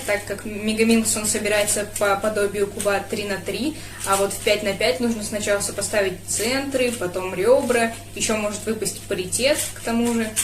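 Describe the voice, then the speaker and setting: In a reverberant space, a speedcuber vlogger speaks at a medium pitch. She's a young Russian woman in her young adult years, casually responding to viewers' questions, pausing thoughtfully, hesitating, and filling gaps often.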